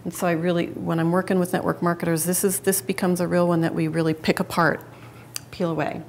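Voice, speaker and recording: A woman's voice: on the low side, flat delivery, fast, vocal fry, darkish tone, a little hiss or hum. A woman giving a live public speaking talk to an audience, chatty and conversational, often restarting and correcting herself mid-sentence.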